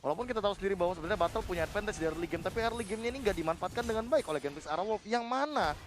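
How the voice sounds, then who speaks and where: A man's voice: high voice, animated, rapid-fire, soft background music. A man analysing a live esports match as a commentator.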